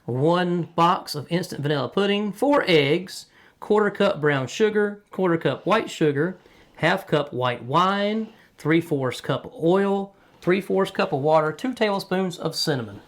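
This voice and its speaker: A man's voice: high-pitched, lively intonation, measured pace. A man co-hosting a home cooking video, teasing his wife good-humoredly and reading out the ingredients. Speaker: co-host, husband. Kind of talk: casual cooking chat. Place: home kitchen.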